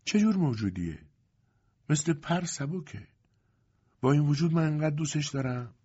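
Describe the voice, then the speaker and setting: A man voicing a gentle young peasant mother, her voice soft and trembling, in an audiobook. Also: low-pitched, lively intonation, breathy edge, muffled recording, exaggerated voice. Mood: tearful wonder.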